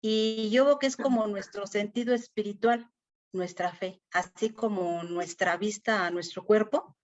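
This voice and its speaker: A woman's voice: mid-range voice, fairly even intonation, a little slow, muffled recording. A middle-aged woman, sharing a personal faith testimony in a Bible study class, earnest and emotional with many fillers.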